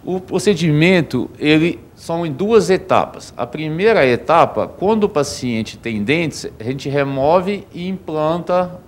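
A man answering as a dentist in a TV interview, calmly explaining things step by step. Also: a little high, a little slow, few pauses, slight background noise. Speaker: dentist guest.

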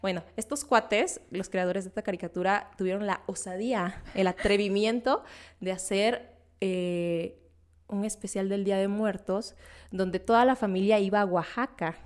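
A woman's voice: mid-range voice, normal speed. A young Mexican woman co-hosting a casual nostalgic chat, telling stories with slang and frequent laughs. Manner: animated, laughing, slangy storytelling. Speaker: podcast co-host.

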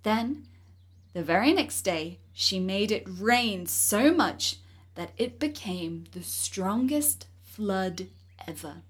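A woman reading a fairy tale aloud in an expressive storytelling manner. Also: medium pitch, slow pace, husky.

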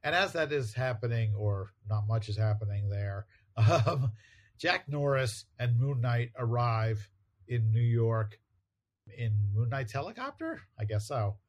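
In easygoing podcast banter, a man with an unhurried, mid-range voice summarizes a comic book one page at a time. He paraphrases rather than reads, keeps things relaxed, and laughs a lot.

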